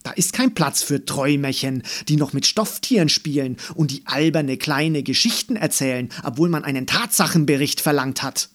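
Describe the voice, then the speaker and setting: A man voicing a strict, severe middle-aged female teacher in an audiobook story, cold and increasingly loud. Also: fairly high pitch, lively intonation, moderate pace, hardly any pauses, natural voice. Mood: scolding. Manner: cold, severe, growing louder.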